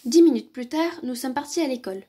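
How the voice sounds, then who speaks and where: Woman story reader, high husky voice, lively expressive read-aloud. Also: fairly quick. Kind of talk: reading a children's picture book aloud.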